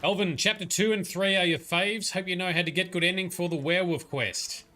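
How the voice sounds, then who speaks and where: Chatting his way through a livestreamed game, a young man reads out viewer comments and responds, dropping "um" often. He speaks fairly quickly in a high, steady voice that sounds pushed and bright.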